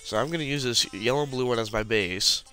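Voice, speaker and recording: A fast-talking man with a mid-range voice and a bright, forceful tone casually guides viewers through a puzzle tutorial over a screen recording, clicking as he covers each step. Faint music sits behind him. The flu leaves him sounding congested and sniffling.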